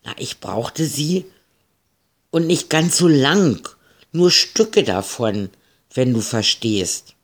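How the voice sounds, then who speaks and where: A man's voice: medium pitch, animated, slow, pitched above the performer's own voice. A man voicing a playful, scheming young farm woman who coaxes and sulks. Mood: coaxing. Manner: wheedling, easily hurt.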